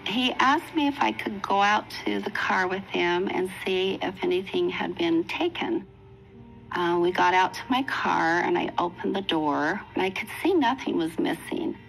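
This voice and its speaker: A woman in her sixties telling her own story in a documentary interview, earnest and reflective, with pauses and restarts. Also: medium pitch, creaky, slight background noise, poor audio. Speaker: interviewee recounting her past.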